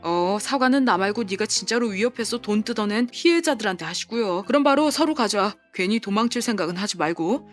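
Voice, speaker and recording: A woman playing a calm, burly policeman. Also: mid-range voice, fairly quick, hardly any pauses, faint music behind, close to an everyday voice. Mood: cold. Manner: calm, cold, sarcastic questions. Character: big burly man, off-duty police officer, cool and mocking. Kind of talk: audio drama acting.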